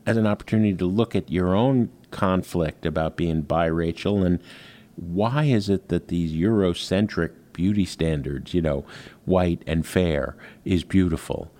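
Low mellow dude interviewer, quick and engaged. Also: male voice. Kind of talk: interview questions.

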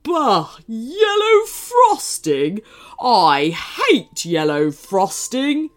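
A woman voicing a rude, bad-tempered male cupcake in a storybook, snapping slowly and scornfully. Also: on the high side, wildly swooping pitch, exaggerated voice.

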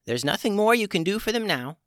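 A man voicing an old female witch healer who is brisk and matter-of-fact. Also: high voice, big pitch swings, a bit bright, no room sound, clean studio sound, voice pushed up.

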